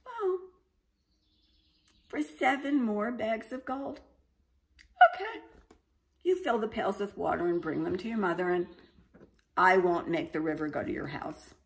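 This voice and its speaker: A woman's voice: mid-range voice, animated, unhurried, creaky, long pauses. Woman doing a sly stubborn girl. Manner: cool and unbothered.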